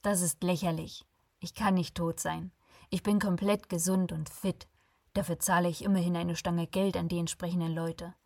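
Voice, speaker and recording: A woman voicing a stubborn, self-important businessman who speaks loudly and insistently, in a breathy voice. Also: on the low side, little pitch movement, measured pace, few pauses, no room sound, clean studio sound. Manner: loud, insistent, tense.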